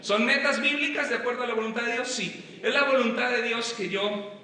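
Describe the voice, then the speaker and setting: A male pastor delivers a lively sermon in a high, bright and cutting voice, acting out small exchanges and questioning his listeners. He sounds set back from the mic, and the sanctuary answers with heavy echo. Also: a little fast. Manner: animated, acts out little dialogues, asks the audience questions. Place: church sanctuary. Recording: roomy church hall, distant mic.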